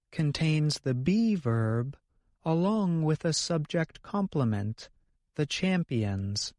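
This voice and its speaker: In a dry, studio-quality recording, a man with a fairly high voice co-hosts an English lesson podcast. He reads scripted explanations in a careful, explanatory way.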